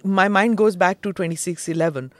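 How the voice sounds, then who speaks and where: A woman's voice: fairly low pitch, a little fast, no echo. Indian woman host, dry close sound. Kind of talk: news discussion interviewing.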